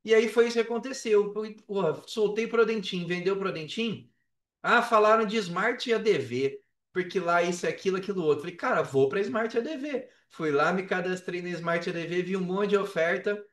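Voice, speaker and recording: This high-voiced, fairly bright-toned Brazilian man, an affiliate marketer guesting on a podcast, speaks at normal speed with a Brazilian Portuguese accent. His animated, casual personal storytelling is slangy and profane, full of emphatic repetition and acted-out reported dialogue, and the sound is echoey, roomy, and distant from the mic.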